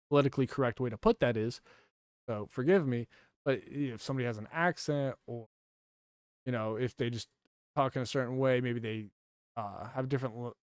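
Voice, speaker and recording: A man's voice: medium pitch, clean tone, dry recording, studio quality. A man talking casually to his livestream chat, rambling and correcting himself, laughing now and then.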